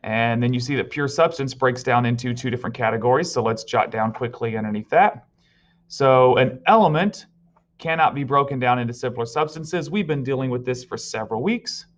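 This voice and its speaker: A man's voice: mid-range voice, a little fast. Man teaching a recorded science lesson. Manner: explains step by step, tells students what to write. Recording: slightly dull lo-fi audio.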